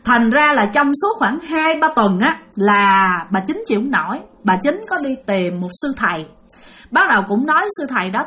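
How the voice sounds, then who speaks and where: A woman with a Southern Vietnamese accent tells a ghost story, lively and dramatic as she talks straight to her listeners. Her voice sits fairly high and moves through a wide, animated range. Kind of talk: spoken ghost-story telling.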